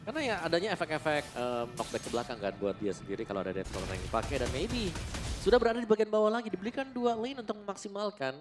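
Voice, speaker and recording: A man's voice: a little high, wildly swooping pitch, quick pace, few pauses. A man working as an esports caster, analytically explaining builds and the state of a match. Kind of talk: esports caster analysis of items and game tempo. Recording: music behind the voice. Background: music.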